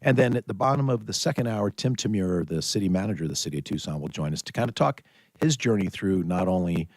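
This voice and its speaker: A low-pitched American man talks as a radio host in a conversational morning-show style. The sound is dry and close, as from a studio microphone. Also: animated, fast, darkish tone, dry recording. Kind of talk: morning radio talk, conversational local politics discussion.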